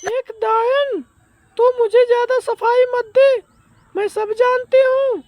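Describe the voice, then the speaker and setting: Brief: shrill, harsh older mother-in-law from a comedy skit, played by a woman, drawn-out bossy delivery. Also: steady tone, a little mellow, dry recording. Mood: scolding.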